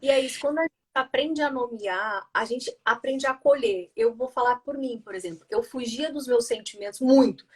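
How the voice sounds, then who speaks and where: A woman's voice: high voice, normal speed, few pauses, husky. A Brazilian woman hosting a live stream, explaining ideas about feelings and reading out viewer comments in an encouraging teaching tone. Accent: Brazilian Portuguese. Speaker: host, journalist and communication coach.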